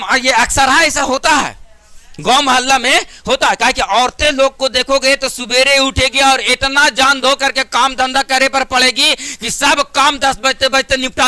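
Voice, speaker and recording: High, bright Bihari math teacher. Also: male voice, dry recording. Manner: chatty, joking, scolds students. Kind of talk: classroom lesson. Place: classroom.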